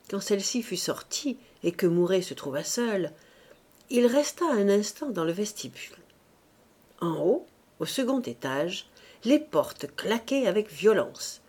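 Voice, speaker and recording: Female narrator for a classic novel: slow, measured, with lively expressive intonation. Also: medium pitch. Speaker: audiobook reader.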